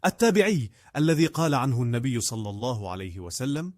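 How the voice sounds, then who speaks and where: An Egyptian man delivers a scripted contest announcement. His pitch moves in a lively way and he talks at a brisk clip, with a very dry sound. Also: no echo. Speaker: contest presenter. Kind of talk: scripted promotional prize announcement.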